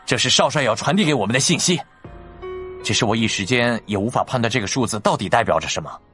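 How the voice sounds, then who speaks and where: A man voicing a sharp-eyed male intelligence officer in an audiobook, reasoning through clues step by step. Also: medium pitch, expressive, fast talker, faint music behind, natural voice. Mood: analytical. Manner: analytical, explaining clues step by step. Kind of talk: audiobook character voice.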